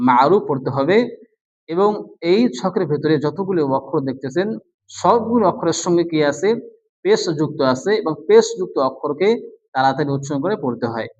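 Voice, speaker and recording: A man teaching Quran reading, slowly spelling out letters and vowel marks one by one and repeating each word. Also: fairly high pitch. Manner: slow, deliberate drilling of letter sounds. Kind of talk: slow recitation lesson. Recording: dull lo-fi sound.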